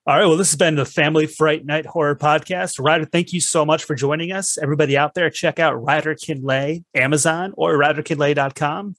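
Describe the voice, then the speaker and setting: A man's voice: fairly high pitch, fairly even intonation, fairly quick, fairly bright tone, no echo, clean studio sound. A man from the United States hosting a podcast, riffing with playful jokes in casual chat. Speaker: podcast host.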